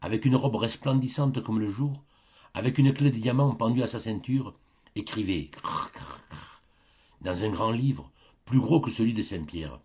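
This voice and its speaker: Homme conteur à la voix voilée. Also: male voice, lowish voice, moderate pace, mellow, slightly rough, lo-fi sound. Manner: theatrical, varied intonation. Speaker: audiobook narrator. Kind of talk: expressive storytelling reading.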